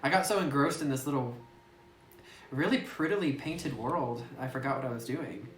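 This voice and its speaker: Faint music sits behind a gaming YouTuber's very deep voice as she chats at a moderate pace, giggling and reading the game's text aloud while musing. The clip is a roomy phone recording with light hiss.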